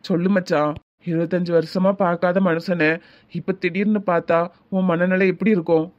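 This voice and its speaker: A man's voice: sits high, little pitch movement, normal speed, no echo, dull audio, lightly acted. A man doing a pushy, caring young friend. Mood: probing. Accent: Tirunelveli Tamil. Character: caring young male friend who keeps pressing questions. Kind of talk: cartoon voice acting.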